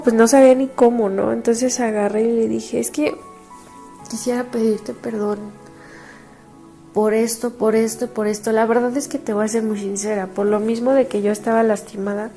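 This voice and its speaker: Mellow-voiced woman pastor, devotional sermon. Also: on the high side. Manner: warm personal storytelling with soft laughs and restarts. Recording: faint background music.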